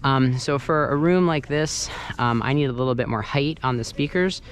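A sound engineer gives a casual, hands-on first-person tutorial, talking informally as he works in a large carpeted banquet hall with a wooden dance floor. His voice is medium-pitched at normal speed, and noisy room ambience is clearly audible.

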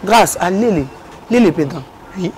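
Animated high-voiced man telling a story. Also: moderate pace, a little hiss or hum. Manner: lively, switches between Lingala and French.

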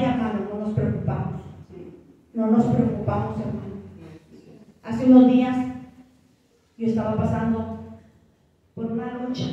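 A woman's voice: a little high, dark tone, muffled recording. A woman pastor preaching a fervent sermon to her congregation, often calling out to them directly. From Mexico. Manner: fervent, keeps calling listeners "hermano". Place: church hall. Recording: echoey church hall, far from mic.

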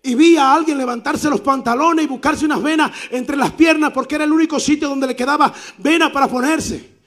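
A man from South America preaches in a church with a strikingly high voice. His storytelling is animated, and his voice rises into shouts for emphasis. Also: a little fast. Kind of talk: sermon storytelling.

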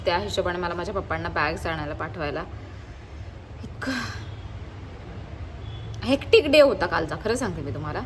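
A woman's voice: fairly low pitch, a little hiss or hum. A young woman with a Marathi accent, chatting in a casual home vlog and repeating her words. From India. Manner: chatty, repeats words, mixes in English and Hindi. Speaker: vlogger. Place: family home.

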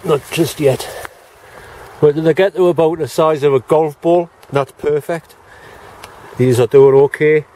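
A man's voice: a little high, steady tone, unhurried, warm tone, a little hiss or hum. Chatty man vlogging in his allotment. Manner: chatty, plain-spoken, talks to viewers as he walks round. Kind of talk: casual walk-and-talk vlog. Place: outdoor allotment garden in light rain. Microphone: handheld camera, self-filmed.

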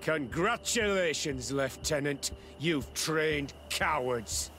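An actor playing a ruthless, scornful military officer villain in a video game. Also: male voice, a little high, animated, takes it slowly, noisy background. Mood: cold contempt. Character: ruthless, scornful male officer villain running a brutal camp.

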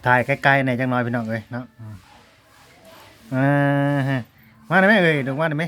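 A man speaks with a northeastern Isan Thai accent in an easygoing running commentary. His voice sits at an ordinary middle pitch, and he keeps calling out to his viewers as brothers and sisters while he films daily life at home. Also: normal speed, a bit bright, clean tone. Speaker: vlogger filming family life. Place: family home in a rural village.

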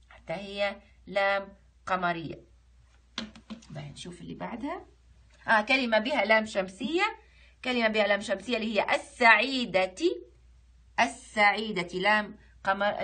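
A woman's voice: mid-range voice, a bit bright, slightly rough. A woman teacher with a Libyan accent, reviewing a lesson online and patiently explaining. She asks questions and then answers them herself. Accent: Libyan Arabic.

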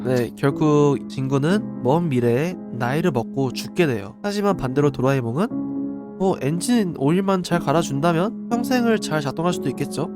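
A man hosting a radio-style show, telling urban legends conversationally and explaining them with questions to his listeners. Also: on the high side. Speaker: radio-style horror story channel host. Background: music behind the voice.

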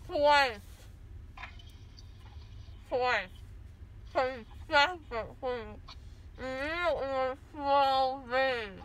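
A woman's voice: high voice, very slow, pauses often, fairly bright tone. A young woman, loopy and whiny after dental anesthesia, rambling casually in a car with a numb, gauze-stuffed mouth that slurs and muffles her words. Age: young adult. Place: inside a car. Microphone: phone held by another occupant. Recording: noisy car interior, phone video.

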